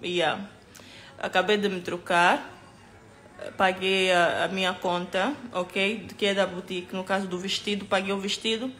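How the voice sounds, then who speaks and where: A woman's voice: medium pitch, fairly even intonation, unhurried, fairly bright tone. A woman recounting an incident to camera in casual storytelling, emphatic and hesitant, with many asides.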